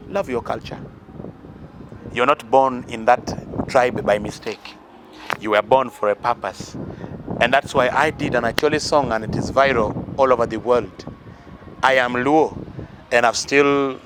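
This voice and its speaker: Here the northern Ugandan musician sounds fairly bright at a medium pitch, with slight noise in the background. He earnestly shares life advice and talks about who influenced him, his Ugandan accent clear and his answers peppered with fillers and restarts.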